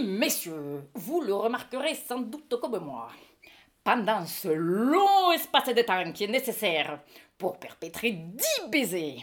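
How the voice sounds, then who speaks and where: A woman plays a pompous, mock-solemn French husband who sits in judgment on his maid. Her voice sits a little high and swoops all over. It is a live stage reading. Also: heavily acted. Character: indignant middle-aged husband judging his maid.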